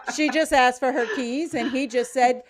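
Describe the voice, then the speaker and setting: A woman's voice: high-pitched, fairly even intonation, moderate pace, crowd noise. A woman hosting a casual talk show, explaining ideas with easy laughs. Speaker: podcast host. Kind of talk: casual chat.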